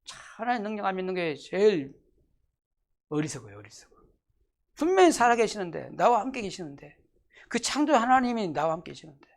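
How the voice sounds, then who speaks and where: A pastor preaching a sermon, emphatic and repetitive, asking the congregation rhetorical questions and dropping from loud declarations to hushed asides. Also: mid-range voice, very animated, fairly quick, long pauses. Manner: emphatic, repeats key phrases, asks the congregation rhetorical questions. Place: church sanctuary.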